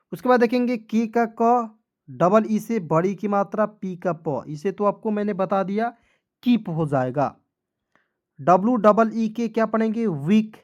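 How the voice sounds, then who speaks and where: Woman, phonics teacher, slow letter-by-letter spelling, checks in with listeners. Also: medium pitch, a little mellow. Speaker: English teacher. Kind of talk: phonics lesson for beginners.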